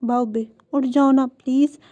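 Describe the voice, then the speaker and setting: Woman reading a quiet, intense, possessive young man for a storybook reading; dark tone, lo-fi sound. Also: high voice, steady tone, measured pace. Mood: pleading. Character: possessive young man, soft then threatening.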